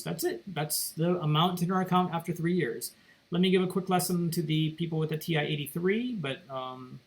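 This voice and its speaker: A man's voice: on the high side, vocal fry, rough recording. A man teaching math, walking students through calculator steps in a casual, think-aloud way while seated at his computer. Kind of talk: recorded calculator tutorial lecture. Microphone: computer mic.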